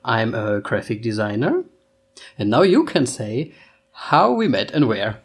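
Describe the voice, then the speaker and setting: With a breathy edge to his mid-range voice, an Austrian-born man in his thirties who grew up in Germany talks very animatedly but at a measured pace. He co-hosts a relaxed couple podcast in English, his German accent audible as he occasionally hunts for words.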